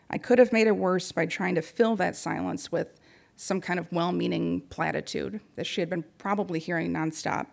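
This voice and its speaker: In a fairly low, gravelly voice, a young adult woman delivers a prepared talk on helping the grieving, gentle in manner and frequently pausing.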